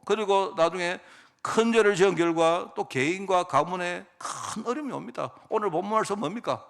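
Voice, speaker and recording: A middle-aged male pastor preaches a sermon in an easy, chatty storytelling way. His voice sits a little high for a man and rises and falls a great deal as he acts out little bits of dialogue. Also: a bit bright.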